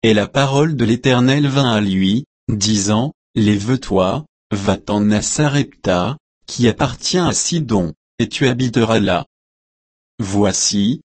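A man reading a Bible passage aloud in slow, measured short phrases. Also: medium pitch, a little mellow, dry recording. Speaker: scripture reader.

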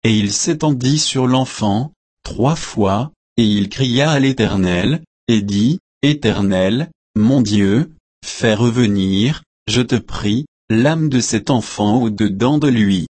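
A man reading a Bible passage aloud in slow, measured short phrases. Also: mid-range voice, darkish tone, dry recording. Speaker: scripture reader.

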